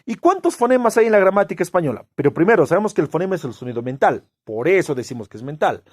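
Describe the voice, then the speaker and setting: A man teaching a classroom lecture, asking rhetorical questions and answering them himself with emphatic, drawn-out stresses on key words. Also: on the high side, big pitch swings, no room sound, clean studio sound. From Peru.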